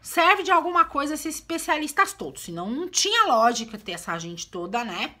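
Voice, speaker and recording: A woman's voice: sits high, sing-song, a little fast, sharp tone. A woman vlogging about her children, talking chattily to her viewers and explaining things. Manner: chatty, explaining, often addresses viewers with "né" and "gente". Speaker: vlogger, mother of two. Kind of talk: casual talk to camera.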